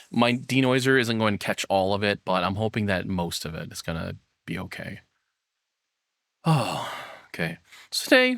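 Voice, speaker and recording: A man runs a livestream from his room, talking casually and self-deprecatingly in a meandering way. He has a low-pitched, fairly bright voice, picked up close on a processed streaming microphone with no echo and clean studio sound.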